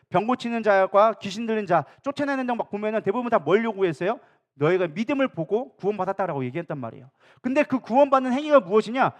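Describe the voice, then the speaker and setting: Brief: high-pitched male pastor, brisk sermon delivery, keeps asking and answering his own questions. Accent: Korean, Daejeon area. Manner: asks the congregation questions and answers them himself; acts out quoted speakers in a changed voice. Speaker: co-senior pastor. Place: church sanctuary.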